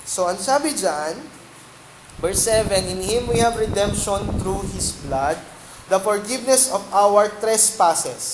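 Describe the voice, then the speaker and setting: A Filipino man preaching as a pastor, often asking the congregation questions and mixing English phrases into his talk. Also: high voice. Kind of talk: sermon. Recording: echoey room with background noise.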